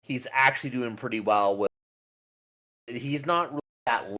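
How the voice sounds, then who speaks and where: A man chatting casually as a podcast co-host over an online voice call. His voice keeps cutting in and out, and he talks haltingly, restarting mid-sentence. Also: medium pitch, bright, forceful tone. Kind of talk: casual chat about game characters.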